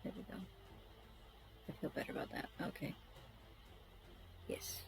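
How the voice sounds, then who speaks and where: A woman's voice: measured pace, slight background noise, rough recording. A woman chatting casually while she draws, rambling, scattered and self-deprecating, often muttering to herself. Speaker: artist streaming a drawing session.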